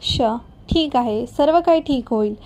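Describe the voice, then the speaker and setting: Storybook figure: a playful young woman friend, teasing but soft and firm, fairly high, mellow voice , read by a female narrator. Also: unhurried. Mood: soothing. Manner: teasing yet reassuring.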